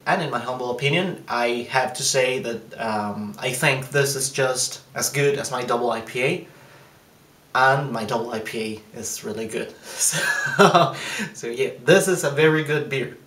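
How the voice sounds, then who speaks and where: A man giving a casual, thoughtful taste review of his own beer, pausing often with fillers and restarts. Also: medium pitch, fairly bright tone, echoey room. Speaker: home brewer.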